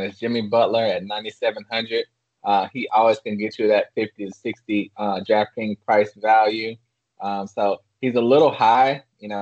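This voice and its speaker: A man's voice: on the low side, a little mellow, no room sound. A man co-hosting a casual sports podcast, easygoing and a little sarcastic, with filler words. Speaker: podcast co-host. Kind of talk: casual sports betting talk. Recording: dry, dull lo-fi sound.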